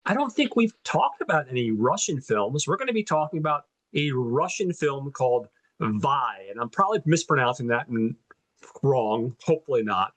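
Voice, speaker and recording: A man co-hosting a movie podcast chats in an upbeat, enthusiastic way, often repeating words as he gets going. His medium-pitched voice is very animated, a bit bright and moderately paced.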